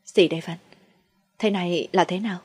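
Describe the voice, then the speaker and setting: A woman's voice: fairly low pitch, steady tone, brisk, darkish tone, slightly rough. Brief: young woman, grief-stricken and defiant, raised urgent voice, read by a female narrator. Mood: shocked. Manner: pleading then defiant outbursts.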